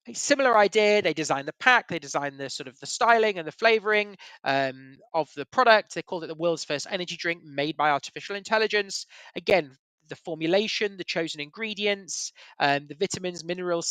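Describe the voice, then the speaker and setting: Guy giving a webinar talk, bright voice, kinda high, dry close sound. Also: dry recording. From Yorkshire, England. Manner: chatty, many fillers and restarts. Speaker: webinar presenter. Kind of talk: casual presentation.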